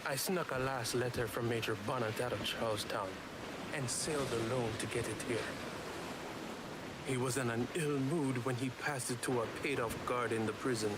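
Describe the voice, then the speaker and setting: A man's voice: medium pitch, steady tone, normal speed, close to an everyday voice. Man playing a sombre pirate under heavy noise. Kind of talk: scripted game narration. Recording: very loud sea-like background noise.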